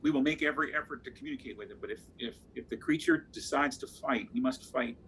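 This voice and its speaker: A man plays a tabletop game, thinking out loud with frequent pauses and fillers. His voice sits at an ordinary middle pitch. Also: slight background noise. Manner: hesitant, many fillers. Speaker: player. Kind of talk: tabletop game play, casual chat.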